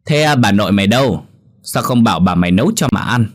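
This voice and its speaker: A man voicing a spiteful young village wife, shouting shrill abuse at her family. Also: animated, fast. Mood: scolding.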